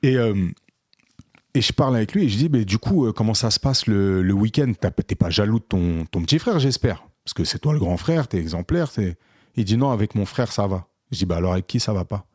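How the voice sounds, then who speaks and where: Low-voiced man telling a story. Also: a little fast, dry recording, studio quality. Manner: animated, re-enacts dialogue with many fillers. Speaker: podcast co-host, photographer. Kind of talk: casual storytelling chat.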